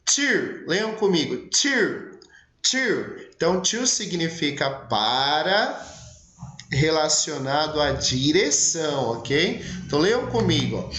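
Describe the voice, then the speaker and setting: A Brazilian man teaching English, reading example sentences slowly and clearly and having the class repeat after him. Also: on the high side, sing-song, a bit bright, roomy sound. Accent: Brazilian Portuguese. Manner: slow, over-articulated English example sentences, brisk Portuguese explanations. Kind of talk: recorded lesson.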